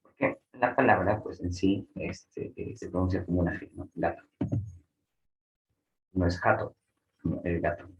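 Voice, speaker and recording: A man with a Peruvian Spanish accent teaching a language class, checking in with students often and filling pauses with "este". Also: low voice, lo-fi sound. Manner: explains with frequent checks like "¿no?" and fillers "este". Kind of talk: online class lecture.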